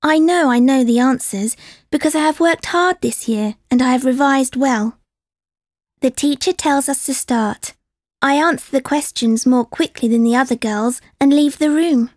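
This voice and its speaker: A woman reading a first-person dream story for a listening exercise in a clear, confident way. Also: high-pitched, moderate pace, a little mellow, no room sound, clean studio sound. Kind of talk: scripted narration of a dream.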